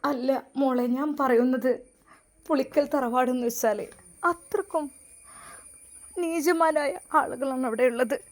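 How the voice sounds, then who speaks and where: A woman voicing a grieving older woman who speaks in a hushed, subdued, bitter way. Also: sits high, measured pace, pauses often, a little hiss or hum.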